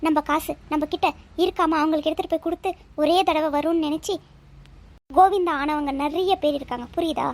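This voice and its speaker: A woman's voice: high-pitched, a little fast. A woman voicing a grown son in a cartoon who lectures his mother about her health. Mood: lecturing. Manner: lecturing, nagging. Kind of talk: cartoon voice acting.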